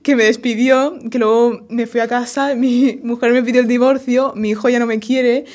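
A woman's voice: a little high, steady tone, normal speed, darkish tone, close to an everyday voice. A woman from Spain voicing a bewildered male teacher who pleads his innocence in run-on sentences. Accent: Spain Spanish.

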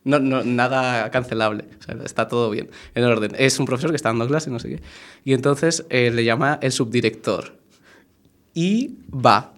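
A man's voice: medium pitch, normal speed. Man, spanish accent, casual podcast chat, playful joke telling. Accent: Spain Spanish. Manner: playful, laughing storyteller.

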